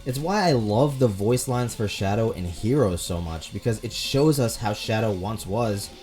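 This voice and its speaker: A young man delivers scripted commentary as a video host. His voice is on the low side, with faint music playing behind him. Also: expressive, moderate pace, a little mellow.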